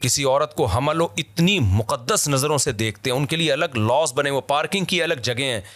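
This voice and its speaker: Animated man from Pakistan telling stories. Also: mid-range voice, moderate pace. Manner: animated, emphatic storyteller who laughs often. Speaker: vlogger. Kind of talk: casual discussion.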